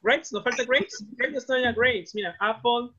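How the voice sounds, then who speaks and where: A man's voice: extremely high pitch, normal speed, bright, forceful tone. A man with a Peruvian Spanish accent teaching English to young pupils, cheerfully switching between Spanish and English and repeating words. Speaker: primary school English teacher. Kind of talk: bilingual classroom lesson. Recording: lo-fi, muffled audio.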